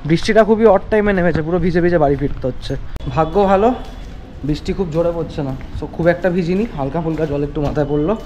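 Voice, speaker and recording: A man's voice: on the high side, fast talker, darkish tone, dull audio, a little hiss or hum. A man hosting a casual vlog, chatting through his day in running commentary. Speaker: vlog host. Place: home and out on errands.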